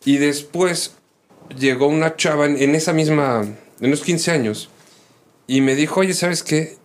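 A man with a Mexican accent casually telling friends about his photography business, in relaxed slang with many fillers. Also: fairly high pitch, unhurried. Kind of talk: casual podcast chat.

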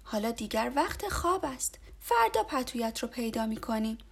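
A woman's voice: a little high, very animated, vocal fry, husky, heavily acted. A woman voicing a caring mother turtle in a storybook, coaxing and soothing.

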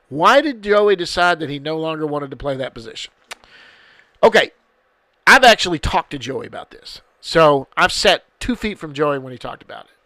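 A middle-aged podcast host with a slightly high, sharp voice answers listener questions, sounding stuffed up from a head cold. The recording has no echo, and his casual chat rambles, repeats itself, and restarts often.

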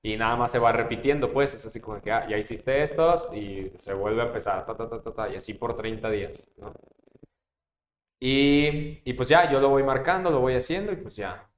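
A man's voice: mid-range voice, moderate pace, a little hiss or hum. A young man with a Mexican accent, hosting a podcast and telling rambling, slang-filled stories in casual chat. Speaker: podcast host. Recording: echoey room.

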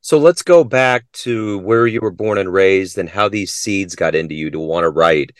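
A man's voice: low-pitched, normal speed, dry recording. A man hosting a podcast, asking his guest questions in an eager way. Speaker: podcast interviewer. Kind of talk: interview questions.

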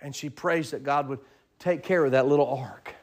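A man's voice: mid-range voice, normal speed. A male pastor preaching a sermon, telling a story vividly and asking rhetorical questions of the congregation. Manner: vivid storytelling, acts out voices.

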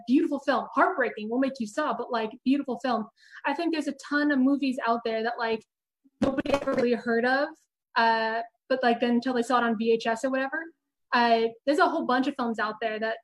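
A woman who writes articles, chatting casually on a talk show panel with many fillers. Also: fairly high pitch. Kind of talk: casual chat.

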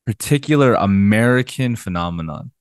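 A man's voice: on the low side, lively intonation, normal speed, clear, resonant tone, no room sound, studio quality. A man in his thirties, a pastor co-hosting a casual faith podcast, asking questions and sharing research. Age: 30s. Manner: inquisitive, asks guests follow-up questions.

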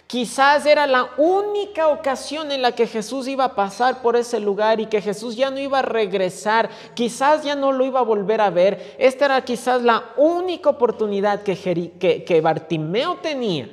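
A male pastor preaching a sermon, stumbling over repeated words and crying out quoted pleas. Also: sits high. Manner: repeats words when stuck, then cries out quoted pleas. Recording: long hall reverb.

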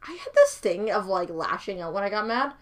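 A woman's voice: medium pitch, very animated, fairly quick. A woman telling personal stories in a casual chat, laughing often and using many fillers.

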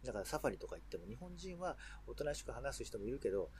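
A man's voice: medium pitch, breathy edge. A Tokyo-born man in his thirties, chatting casually as a radio show host, joking and acting out quoted voices. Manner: fast, animated, puts on quoted voices and jokes.

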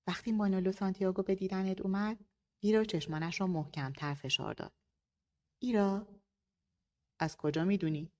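A woman narrating a novel and reading the characters' dialogue in slightly shifted voices. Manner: lightly voices characters, higher and louder for dialogue. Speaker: audiobook narrator.

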